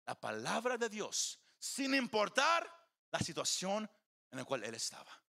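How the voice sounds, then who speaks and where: A man's voice: high voice, vocal fry, sharp tone. A male pastor preaching a sermon in an earnest manner, often repeating words and slipping into English phrases. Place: church.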